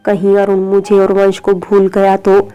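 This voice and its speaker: A woman's voice: mid-range voice, monotone, measured pace, clean tone, dull audio, soft background music, natural voice. A woman voicing a tearful, anxious young wife. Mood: worried. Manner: pleading, tearful.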